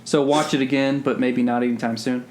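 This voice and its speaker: A woman with a strikingly deep, low voice hosts a casual family movie-review chat. She talks quickly and guides each turn with steady, structured questions. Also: slight background noise. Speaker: podcast host and parent.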